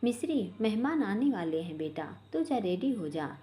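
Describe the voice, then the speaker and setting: A woman's voice: medium pitch, very animated, moderate pace, natural voice. A woman voicing a kind, caring mother in a storybook reading. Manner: gentle, caring. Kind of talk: storybook voice acting.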